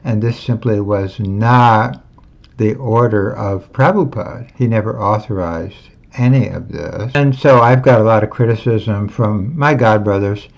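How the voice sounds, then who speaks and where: Gravelly older man, emphatic and wry. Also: on the low side, a little slow. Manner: emphatic, repeats points, chuckles wryly. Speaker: former disciple recounting movement history. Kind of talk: personal monologue of recollections. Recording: dull lo-fi recording.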